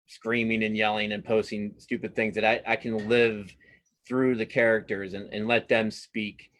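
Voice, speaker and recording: This man, interviewed casually as a cartoonist guest, has a fairly low, slightly bright voice. He comes across as modest, speaking haltingly and repeating words as he works out his thoughts.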